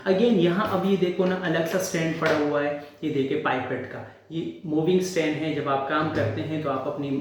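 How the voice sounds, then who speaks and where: A man giving a casual, step-by-step tour of a research lab, filming on his phone. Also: fairly high pitch. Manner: relaxed, repeats "theek hai na", explains step by step. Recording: very echoey lab room, faint hum.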